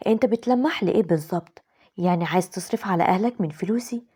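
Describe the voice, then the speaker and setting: A woman doing a firm young Egyptian wife who refuses to back down. Her fast, breathy, mellow voice stays blunt. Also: on the low side. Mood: indignant.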